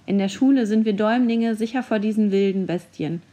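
A woman's voice: mid-range voice, brisk, dark tone, natural voice. A woman voicing a frightened tiny schoolgirl in a children's audiobook, in a raised, pleading tone. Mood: breathless.

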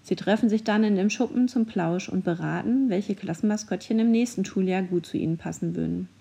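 A woman narrates a children's adventure story as an audiobook. Her delivery is clear and suited to storytelling. Her voice sits at a middle pitch and sounds mellow and warm. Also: fairly quick.

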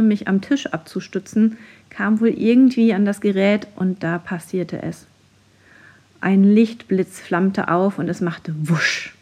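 A woman reading a first-person children's story aloud in steady, clear narration. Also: medium pitch.

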